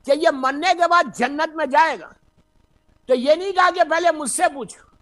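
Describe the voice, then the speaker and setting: Male cleric, very high bright voice, impassioned sermon with English asides and shouting. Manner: impassioned preaching, mixing English phrases, bursts of shouting. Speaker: Shia cleric giving a majlis sermon.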